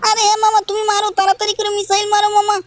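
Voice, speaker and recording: Woman doing a squeaky, whiny cartoon kid, high and flat, rattling off pleas fast. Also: no room sound. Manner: fast pleading, ends lines with "mama". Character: whiny little boy cartoon nephew. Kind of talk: game role-play commentary.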